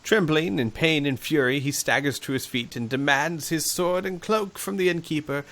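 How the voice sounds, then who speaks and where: A man's voice: a little high, steady tone, normal speed, a bit bright. Man reading a gamebook aloud. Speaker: host and reader.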